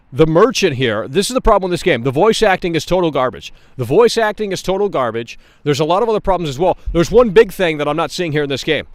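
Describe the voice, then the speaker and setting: A man hosting a livestream delivers casual, opinionated game commentary, sounding exasperated, blunt and sweary. His voice is a little high, and the recording is dry.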